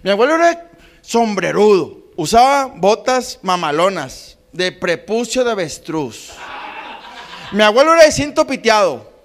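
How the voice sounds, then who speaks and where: A man's voice: sits high, sing-song, measured pace. A young man with a Monterrey accent doing stand-up comedy, telling a crude, slangy story on a comedy club stage. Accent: northern Mexican, Monterrey. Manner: rowdy, slangy, crude punchlines.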